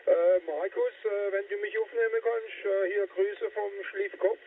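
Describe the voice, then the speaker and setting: A man's high voice comes in over CB radio, thin and tinny as if heard from across the room, with a light hiss of static under it. He chats easily, calling the other stations by name and filling his pauses with little hesitations. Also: steady tone, recorded from a distance. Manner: chatty, filler-heavy, calls other stations by name. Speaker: CB radio operator filming the round. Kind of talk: casual radio chat.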